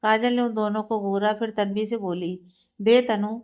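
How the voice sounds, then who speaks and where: A woman's voice: mid-range voice, steady tone, normal speed. Woman storyteller reading a romance. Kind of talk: scripted story narration.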